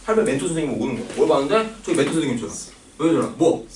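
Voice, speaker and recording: A man lectures a class with a slightly high, wildly swinging voice, teasing and swearing casually as he checks whether the students are following. He is picked up from across a reverberant room. A steady noise hangs under the whole recording. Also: rapid-fire, distant mic. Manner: joking, coarse slang, keeps asking for agreement. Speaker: math teacher.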